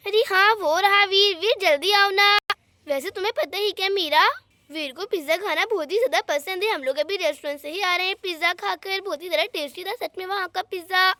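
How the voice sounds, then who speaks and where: A woman's voice: very high voice, pushed and bright. A woman voicing a scheming, jealous young woman doll who mutters plots to herself in a doll story.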